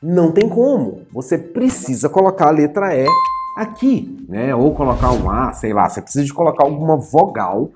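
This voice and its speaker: A male teacher giving an animated writing and grammar lesson at a whiteboard, playfully addressing his students and stretching out key words as he explains. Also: fairly high pitch, normal speed, over music. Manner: animated, playfully addresses viewers as "senhores, senhoras e senhoritos". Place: in front of a whiteboard.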